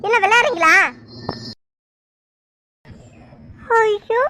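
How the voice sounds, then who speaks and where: Brief: bossy cartoon village mother-in-law, voiced by a woman, shrill and very high, bright and sharp, nags and shouts. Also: a little fast, a little hiss or hum. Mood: shouting. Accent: Tamil Nadu village speech. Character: loud scolding middle-aged village mother-in-law. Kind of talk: cartoon dub acting.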